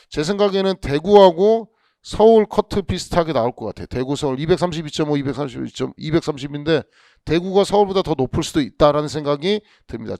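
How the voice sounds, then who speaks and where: A man's voice: on the high side, darkish tone, no echo, studio quality. A man, a police exam instructor, lecturing casually, with rhetorical questions and frequent restarts.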